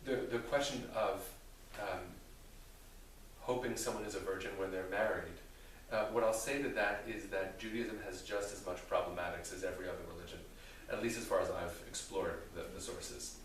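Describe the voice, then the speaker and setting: Echoey, distant, deliberate low-voiced male rabbi. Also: steady tone. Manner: deliberate, thoughtful, with careful qualifications. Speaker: rabbi answering audience questions. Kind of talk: theological question-and-answer talk. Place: reverberant indoor room with an audience. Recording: very echoey room, distant mic, faint noise.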